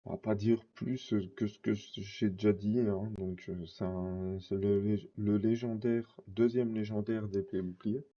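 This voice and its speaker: Male vlogger, casual rambling delivery, low dark voice, slightly dull recording. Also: fairly even intonation, measured pace, few pauses. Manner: rambling, many fillers and self-corrections. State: scratchy throat. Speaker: card collector vlogger. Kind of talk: casual collection showcase.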